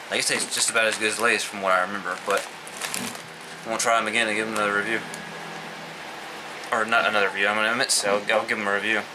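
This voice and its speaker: A man in his twenties giving a casual food review to camera, speaking in halting, stop-and-start phrases at home. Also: on the low side, noisy background. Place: small indoor room at home, seated.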